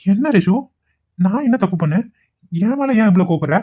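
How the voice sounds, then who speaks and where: A man's voice: on the high side, steady tone, a little fast, close to an everyday voice. A man voicing a scheming young man who is a jealous ex-lover, wheedling and theatrical in a cartoon. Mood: pleading. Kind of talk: amateur cartoon voice acting. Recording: tinny phone-like lo-fi audio.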